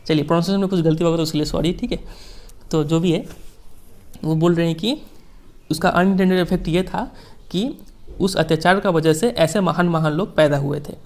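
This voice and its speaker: A young adult male teacher with an Indian accent, reading English lines slowly and explaining them in chatty Hindi with frequent check-ins. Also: a little high, steady tone. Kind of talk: Hindi-English class lecture explaining a text.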